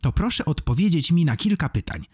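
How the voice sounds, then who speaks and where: A clever little girl fires off bossy questions in a raised, lively voice, as a man reads her in a children's storybook. The tone is husky, the sound dry and close. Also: fairly high pitch, brisk, no room sound, pitched above the performer's own voice. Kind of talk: children's audiobook reading.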